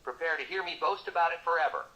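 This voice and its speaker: A man's voice: fairly high pitch, fast, sharp tone, low-quality recording. A man voicing a boastful, wisecracking male mercenary who teases his partner in comic banter. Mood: teasing. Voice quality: cocky, teasing, sarcastic.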